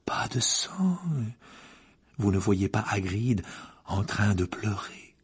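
Eccentric female seer voiced by a man, breathy whispers, gravelly rasp, slow mysterious delivery. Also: fairly low pitch, very animated, full character voice. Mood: mysterious hushed. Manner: slow, mysterious, then harsh trance voice. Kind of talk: audiobook character voice.

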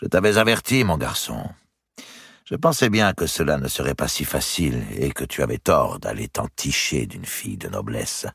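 A man's voice: extremely low pitch, very animated, moderate pace, creaky, fairly bright tone, husky, heavily acted. A man voicing a wry older banker uncle, dry and cynically amused, in a storybook reading.

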